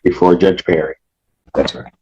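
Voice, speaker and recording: A man's voice: deep voice, steady tone, a little mellow, dull audio. A middle-aged man presiding as judge, speaking sternly and emphatically on a courtroom recording. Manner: stern, lecturing, measured and emphatic. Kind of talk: courtroom proceedings.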